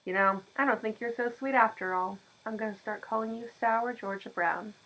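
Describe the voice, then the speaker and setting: Brief: woman doing loud, drawling old farm handyman, teasing, storybook reading. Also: a little high, normal speed, low-quality recording. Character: folksy older male farm handyman, teasing.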